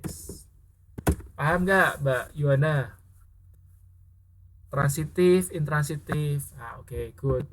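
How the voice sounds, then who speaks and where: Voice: mid-range voice, very slow, long pauses. Teacher's voice, casual grammar lesson, thinks aloud and self-corrects, checks in often, faint background noise. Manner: keeps checking understanding with tag questions; mixes spoken English example sentences into explanation. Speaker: English teacher. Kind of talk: casual classroom explanation.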